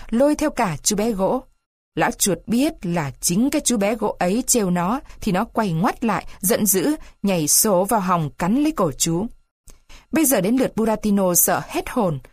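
A woman reading a children's storybook aloud, expressive with varied pacing. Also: medium pitch, no room sound, clean studio sound.

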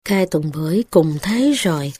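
Woman storyteller, Southern Vietnamese accent, measured narration, dry close sound. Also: lowish voice, expressive, dark tone, husky, no echo. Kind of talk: reading a novel aloud.

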